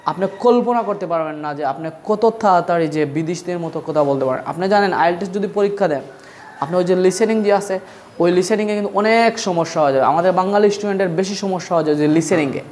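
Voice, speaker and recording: A man with a Bengali accent teaching a casual spoken-English lesson, often asking "okay?" and calling listeners "brother", drawing out example words slowly. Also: high voice, a little mellow, slight background noise. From Bangladesh.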